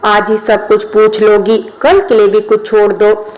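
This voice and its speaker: Brief: a sarcastic young drinking man, level monotone delivery, a woman reading him. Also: medium pitch, a little slow, natural voice. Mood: teasing. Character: brash young man who drinks, gruff then teasing.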